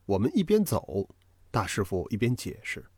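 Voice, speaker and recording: A man narrating a novel as an audiobook reader, telling the story with dramatic, expressive delivery. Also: fairly low pitch, moderate pace, slightly rough, no echo.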